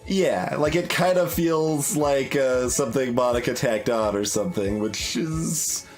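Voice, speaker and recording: Background game music accompanies this male game streamer as he offers relaxed commentary on his playthrough. His voice is medium-pitched and unhurried, and his out-loud thinking comes across as hesitant, rambling and analytical.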